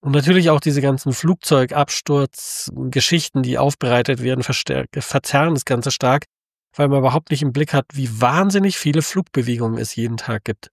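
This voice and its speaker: A man's voice: mid-range voice, a little fast, creaky, dry recording, clean studio sound. A man talking in a casual, thoughtful monologue, with many fillers and restarts.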